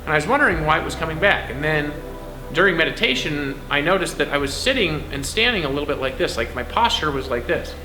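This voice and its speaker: A man's voice: a little high, expressive, quick pace. A man giving casual meditation instruction to camera in a rambling, conversational way, often tagging phrases with "right?" and "like". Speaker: meditation teacher. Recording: echoey room with music behind. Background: background music.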